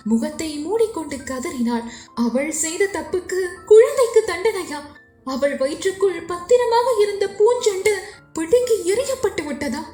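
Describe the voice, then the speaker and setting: A young woman with a Sri Lankan Tamil accent, narrating a novel chapter in a dramatic, emotive way. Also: extremely high pitch. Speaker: storyteller. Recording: echoey room with faint music.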